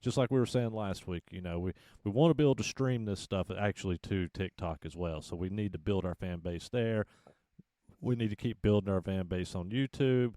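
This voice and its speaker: Low-voiced man co-hosting a podcast. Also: normal speed, mellow, dry recording, studio quality. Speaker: podcast co-host. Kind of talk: casual podcast chat.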